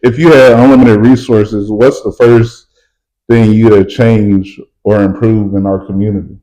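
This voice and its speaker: A man hosting a podcast interview, asking casual, relaxed questions. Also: lowish voice, unhurried, low-quality recording. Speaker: podcast host.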